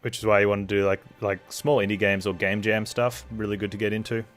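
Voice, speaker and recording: A man's voice: fairly low pitch, little pitch movement, quick pace, soft background music. A man livestreaming a game, chatting casually with his viewers as he plays. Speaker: game streamer.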